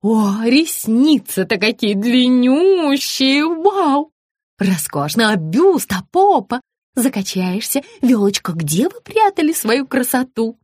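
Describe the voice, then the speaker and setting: A woman's voice: on the high side, very animated, slow pace, a little mellow, dry recording, studio quality, voice pushed up, exaggerated voice. A woman voicing a gushing, fussy woman who showers someone with exclamations, in an audiobook reading.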